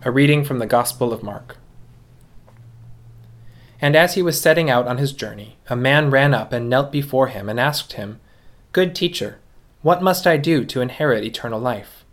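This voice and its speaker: A man leads a church service as its priest, speaking into a pulpit microphone at an ordinary middle pitch. His delivery is steady and measured. The sound rings out with the long reverb of a church interior. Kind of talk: gospel reading and homily.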